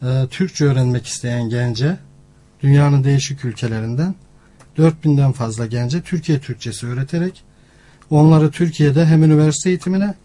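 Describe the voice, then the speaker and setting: A man, a professor and centre director, giving formal informational interview answers in measured phrases with pauses. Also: mid-range voice, mellow.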